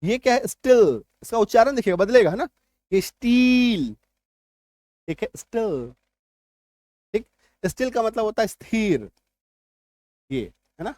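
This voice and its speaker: A man's voice: sits high, animated, moderate pace, pauses often, a little mellow, no room sound. A man teaching English spelling rules, repeating points and checking if students follow. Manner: repetitive, reassuring, keeps checking understanding. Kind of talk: spoken lesson explaining spelling rules.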